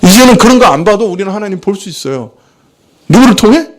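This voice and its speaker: A man's voice: high-pitched, animated, quick pace. A man preaching a sermon as pastor, asking rhetorical questions and answering them himself, acting out quoted speech. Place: church.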